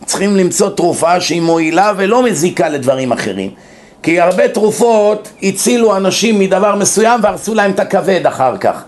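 A man giving a sermon-style Torah lesson to a class, lecturing in an animated way, with humorous scolding and stories. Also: sits high. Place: class in Brooklyn.

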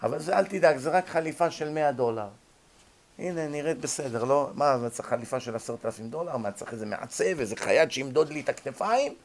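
A man's voice: medium pitch, animated. A man, a rabbi giving a Torah lecture, who acts out small scenes in other voices as he goes. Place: abroad, in America.

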